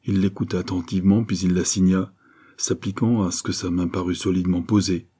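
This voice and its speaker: A man reading a novel aloud in steady, scripted narration. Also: low-pitched, a little fast, breathy edge. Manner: steady storytelling. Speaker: audiobook reader.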